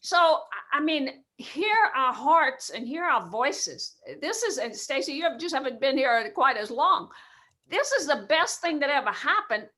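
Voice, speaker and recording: A veteran woman coach speaking on a group video call, halting and repeating herself as she speaks from the heart. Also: high-pitched, animated, bright, forceful tone. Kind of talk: casual sharing on a video call.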